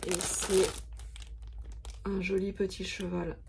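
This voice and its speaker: A woman's voice: mid-range voice, monotone, slow, gravelly, background noise. A woman vlogger chatting casually and hesitantly as she shows her craft supplies, with many fillers. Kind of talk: casual show-and-tell of craft stock.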